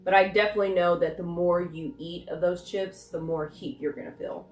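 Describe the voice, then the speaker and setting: A woman's voice: on the low side, fairly even intonation, brisk, darkish tone. A woman chatting casually through a food taste test, rambling and thinking aloud as she goes. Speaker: snack reviewer. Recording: roomy echo, faint music.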